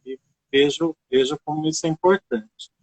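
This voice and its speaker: A man's voice: fairly high pitch, moderate pace, rough recording. A man hosting a live stream, introducing a guest in an encouraging way.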